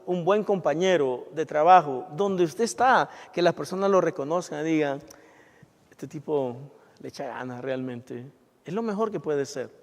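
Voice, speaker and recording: A man's voice: a little high, vocal fry, darkish tone. A man preaching a sermon in a conversational way, with rhetorical questions and personal confessions. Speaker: pastor. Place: church sanctuary. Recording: church hall reverb.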